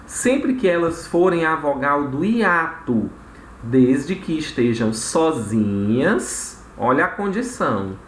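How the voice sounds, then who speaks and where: A man's voice: mid-range voice, fairly bright tone. A man teaching a recorded grammar lesson, explaining step by step and checking in with frequent tag questions. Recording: echoey room with faint noise.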